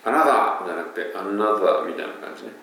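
Kansai-accented male pronunciation teacher, low gravelly voice, lively pitch, very echoey room. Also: very fast, far from the mic, a little hiss or hum. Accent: Kansai Japanese. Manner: chatty, demonstrates sounds aloud. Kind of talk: casual spoken lesson.

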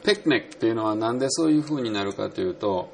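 A man's voice: lowish voice, animated, racing, creaky, slight background noise. A man with a Kansai accent giving a casual spoken English pronunciation lesson, chatting along and demonstrating sounds aloud. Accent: Kansai Japanese.

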